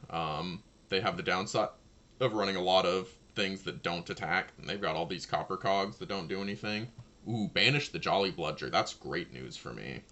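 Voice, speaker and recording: A man offers loose commentary on his own card game, thinking out loud and chatting with his rival in a low, slightly gravelly voice. He speaks at a moderate pace, sounding pushed and bright.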